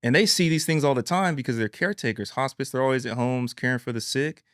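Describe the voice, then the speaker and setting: A man's voice: mid-range voice, fast talker, fairly bright tone, dry recording, studio quality. A man hosting a podcast, telling a heartfelt personal story in an earnest, emphatic way and calling the listener "man" and "bro". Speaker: podcast host.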